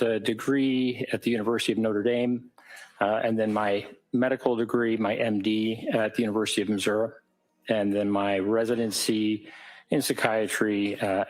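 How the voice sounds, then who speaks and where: A man giving formal testimony in a courtroom as an expert witness, answering carefully and haltingly. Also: lowish voice. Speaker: expert witness, psychiatrist and professor.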